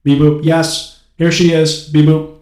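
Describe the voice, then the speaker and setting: A stiff, deadpan male robot, as a man puts it on, speaks in a flat robot voice, sprinkling beeps between formal, literal sentences. The voice sits a little high and rings in a roomy, echoey space. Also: measured pace, a little hiss or hum, natural voice. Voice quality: monotone robotic delivery with beeps. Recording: roomy echo.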